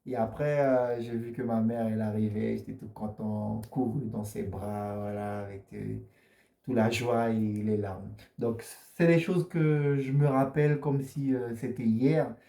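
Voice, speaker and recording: A man answers interview questions earnestly, often stumbling and repeating himself mid-sentence. His voice is dark and mellow, and the recording has a roomy echo around it. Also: medium pitch, steady tone, unhurried, vocal fry. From French Guiana. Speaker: interview guest.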